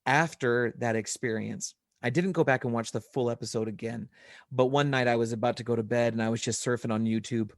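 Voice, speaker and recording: A man in his forties chats on a podcast, his voice sitting in a middle register. He tells a story with lively animation and acts out what he was thinking. The recording is dry, with no room sound. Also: mid-range voice, fairly quick, dry recording. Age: 40s. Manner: animated storytelling with quoted inner thoughts. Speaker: podcast co-host. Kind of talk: casual chat.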